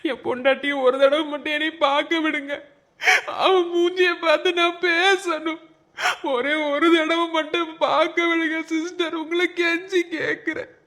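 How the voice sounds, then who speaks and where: A man's voice: very high voice, little pitch movement, fast, hardly any pauses, a bit bright. A performer voicing a grieving young husband in a cartoon, sobbing and begging for his dying wife. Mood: sobbing plea. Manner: sobbing, pleading. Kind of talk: cartoon voice acting.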